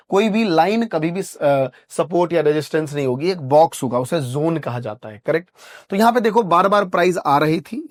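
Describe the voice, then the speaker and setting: A man's voice: fairly high pitch, no room sound, studio quality. A man teaching trading over a chart, who keeps asking rhetorical questions, answers them himself and checks in with "correct?", speaking. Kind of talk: chart lesson screen narration.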